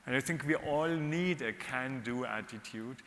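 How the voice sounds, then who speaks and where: Guy from austria on a panel, bright clear voice, long echo of a big hall. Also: mid-range voice, a little hiss or hum. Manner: measured, hedged, earnest advice. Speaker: economist panelist. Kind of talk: panel discussion remarks. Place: large conference hall. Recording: reverberant hall.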